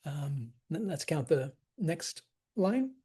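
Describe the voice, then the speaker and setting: A man teaching poetry scansion, talking slowly and thoughtfully and sounding out the rhythm of each line aloud. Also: on the high side, very animated, dark tone, slightly rough. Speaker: acting teacher.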